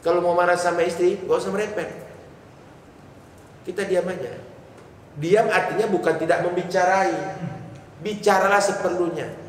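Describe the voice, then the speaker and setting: A man's voice: high-pitched, fairly bright tone. A man preaching a humorous sermon, joking and asking the congregation questions in a mosque hall. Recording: echoey hall from far off, faint noise.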